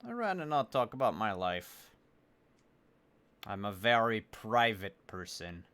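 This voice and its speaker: A man playing a gruff, guarded merchant in a tabletop role-play game, brusque and folksy in his speech. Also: fairly low pitch, very animated, unhurried, a bit bright. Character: gruff, cagey junk-store merchant, male, grumbling and guarded.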